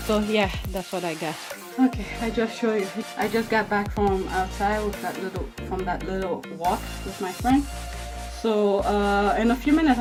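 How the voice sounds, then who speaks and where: Chatty mom vlogging her day. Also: medium pitch. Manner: chatty, rambling, self-correcting. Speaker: vlogger and mother. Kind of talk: casual diary vlog.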